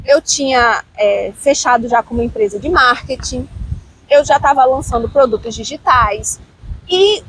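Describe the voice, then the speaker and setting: A woman psychologist with a Brazilian Portuguese accent, a guest in a casual interview, telling her own story in an expressive, animated way. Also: sits high, moderate pace, breathy edge, poor audio.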